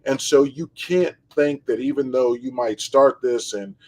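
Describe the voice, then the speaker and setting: A man with a mid-range voice hosts a casual interview. He speaks in a measured, reflective way as he puts questions to his guest. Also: medium pitch, a little mellow, rough recording. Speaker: show host, basketball trainer.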